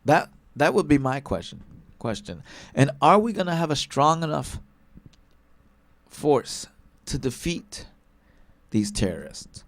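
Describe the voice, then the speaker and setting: A man hosting a talk show, delivering a political commentary monologue at an unhurried pace. His fairly high voice swings widely in pitch, and he keeps checking in with his listeners as he hammers the same point. The sound is close and dry. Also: sing-song, dry recording. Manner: emphatic, keeps tagging lines with "all right?" and "okay?"; repetitive, hammering one point.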